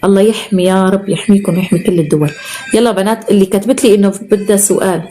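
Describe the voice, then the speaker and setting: A woman's voice: mid-range voice, steady tone, racing, mellow, faint music behind. A woman with a Syrian Arabic accent hosting a live stream, chatting casually as she reads out viewer comments and showers them with endearments.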